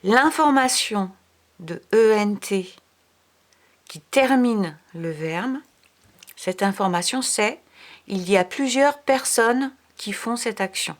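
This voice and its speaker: A woman teaching young children from home, in a slow, unhurried delivery. She is patient and careful, spelling words letter by letter and sometimes murmuring quiet asides. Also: mid-range voice. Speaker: primary school teacher.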